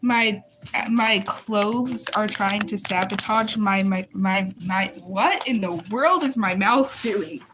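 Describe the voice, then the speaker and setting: Woman streamer, unhurried, self-mocking, easily sidetracked; noisy home mic. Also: medium pitch. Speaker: drawing streamer. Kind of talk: casual drawing commentary. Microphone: desk mic on a recording stand.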